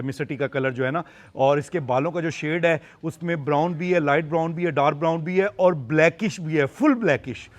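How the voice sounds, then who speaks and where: A man giving casual, rambling vlog commentary outdoors at an animal farm. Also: on the high side. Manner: chatty, rambling, with many fillers. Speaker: vlogger and animal farm keeper.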